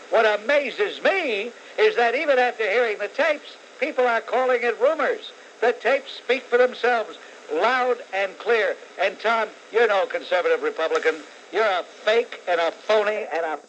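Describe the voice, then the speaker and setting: A man with a high voice hosts a call-in radio show, cutting callers off and scolding them bluntly. He fills his sentences with "uh" pauses. A faint hiss sits under the voice. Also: lively intonation, fairly bright tone, rough recording. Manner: many "uh" pauses.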